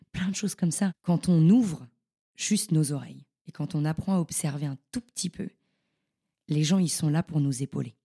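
A young woman, a podcast guest, telling her stories in a casual, animated and slangy way. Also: deep voice. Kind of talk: casual storytelling interview.

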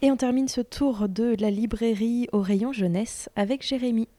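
A woman hosting a radio segment, introducing guests with brisk, friendly lines. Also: fairly high pitch, mellow. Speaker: radio host.

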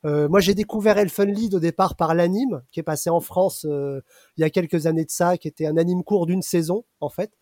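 A man's voice: on the high side, a little mellow, dry recording, clean studio sound. A man reviewing a comic in casual radio chat, hesitant with fillers.

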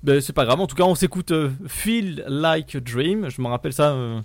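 A man's voice: fairly high pitch, normal speed, dry recording. A man hosting a radio show in a studio, chatting loosely and filling gaps with hesitations. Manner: loose, hesitant, lots of fillers. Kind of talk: casual radio talk.

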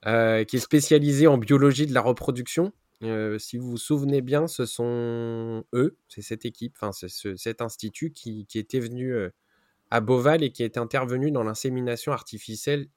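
A man presenting a zoo news roundup on a podcast, often pausing with fillers and correcting himself. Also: medium pitch, darkish tone, no room sound, studio quality. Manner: frequent hesitations and self-corrections.

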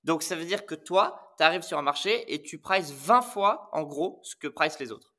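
A man's voice: on the high side, lively intonation, moderate pace, sharp tone. A man hosting a podcast, asking questions and recapping his guest's points in a casual tone. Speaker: podcast host. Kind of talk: casual interview chat.

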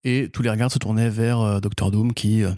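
Podcast co-host rambling on, euh everywhere, mellow voice, dry close mic. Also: male voice, on the low side, fairly even intonation, fairly quick, no echo. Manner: talkative, explains at length with fillers. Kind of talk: casual podcast chat.

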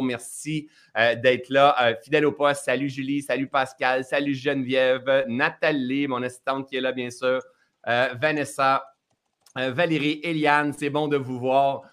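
A man's voice: mid-range voice, a bit bright. A man with a Québécois accent hosting a live-streamed interview, chatty and teasing, talking over a video call. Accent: Québécois French. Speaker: host.

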